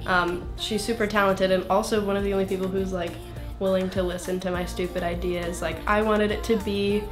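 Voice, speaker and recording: A woman's voice: medium pitch, flat delivery, brisk, echoey room, music in the background. A young woman in her twenties, a singer being interviewed, talking in a rambling, self-interrupting way with lots of fillers. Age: 20s. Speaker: singer-songwriter guest. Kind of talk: casual interview.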